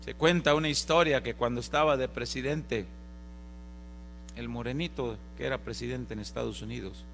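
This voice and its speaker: A man preaching a sermon, swinging dramatically from loud preaching to hushed storytelling. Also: mid-range voice, fairly even intonation, moderate pace, gravelly. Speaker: pastor. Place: church service. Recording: reverberant church PA recording with hum.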